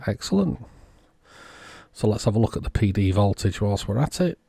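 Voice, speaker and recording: A man giving casual, unhurried technical commentary, thinking aloud as he inspects a circuit board. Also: lowish voice, big pitch swings, vocal fry, warm tone, slightly rough, no room sound. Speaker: electronics repair vlogger.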